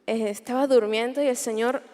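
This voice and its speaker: A woman's voice: on the high side, steady tone, brisk, warm tone. A young woman, giving an earnest personal testimony at a Bible conference, often repeating phrases as she searches for words. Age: 20s. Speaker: conference speaker. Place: large hall. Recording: long hall reverb.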